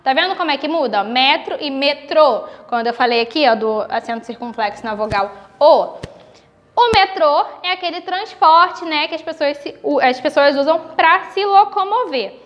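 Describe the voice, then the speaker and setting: High-voiced Brazilian teacher, slow and clear. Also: female voice, lively intonation, dull audio. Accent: Brazilian Portuguese. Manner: slow, explanatory, stretches example words. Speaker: primary school teacher. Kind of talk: recorded video lesson for young children.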